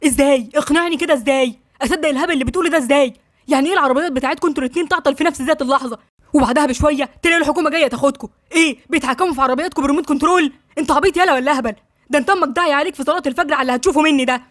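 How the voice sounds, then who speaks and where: Woman doing an enraged gang boss, egyptian accent, loud and rapid, high and very quick. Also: no room sound, clean studio sound, lightly acted. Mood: furious. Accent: Egyptian Arabic. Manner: shouting, rapid, insulting. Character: furious young male gang boss in a jail cell.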